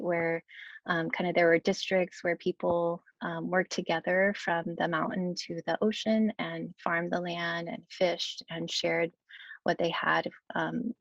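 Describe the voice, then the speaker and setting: A young woman with a lowish, gravelly voice answers questions as a scholar, hedging with fillers and tagging "right?" onto her points. The video call audio is dull and dry. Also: no room sound. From United States, Kentucky. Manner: hesitant, many fillers and "right?" tags. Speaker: guest scholar. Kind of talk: online Q&A answer.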